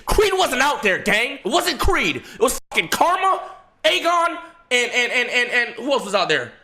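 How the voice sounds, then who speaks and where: A man's voice: very high-pitched, very animated, normal speed, bright, forceful tone. A man telling a story in an emotional, casual way, stammering, repeating words and swearing.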